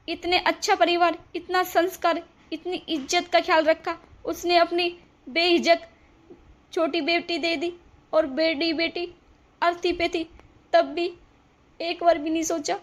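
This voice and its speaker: A woman voicing a remorseful middle-aged mother-in-law in a cartoon drama, speaking in an apologetic, pleading way. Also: extremely high pitch.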